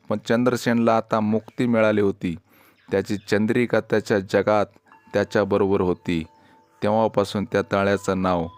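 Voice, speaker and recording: A man narrating a folk tale in an even, measured storybook reading. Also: on the low side. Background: faint music.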